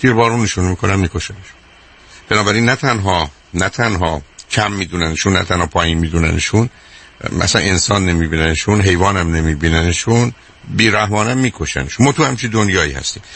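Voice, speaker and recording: A man's voice: low voice, a bit bright. An older man hosting a radio call-in advice show, talking emphatically and repeating his points, calling the caller dear.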